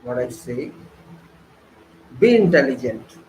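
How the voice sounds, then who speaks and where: A man's voice: mid-range voice, big pitch swings, slow, echoey room, noisy background. A man giving an online engineering lecture, preaching emphatically with rhetorical questions and repeated phrases.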